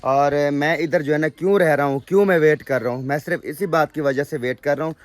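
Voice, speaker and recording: This young man from Pakistan, whose accent carries a slight tinge, talks casually to camera in a vlog. His voice is fairly high and fairly quick, and he sounds earnest and pleading, tagging "okay?" onto his lines again and again.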